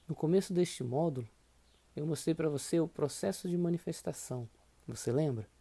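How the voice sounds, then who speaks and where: A man delivers a motivational course lesson in a dark, mellow voice. He speaks emphatically and pushes the listener to repeat affirmations out loud. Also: fairly high pitch. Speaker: course instructor.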